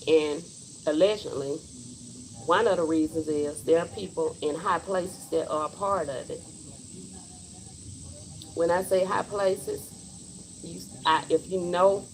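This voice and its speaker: A woman's voice: deep voice, a little hiss or hum, low-quality recording. A woman in her forties, hosting a casual livestream and speaking her mind bluntly and emphatically. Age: 40s. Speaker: livestream host.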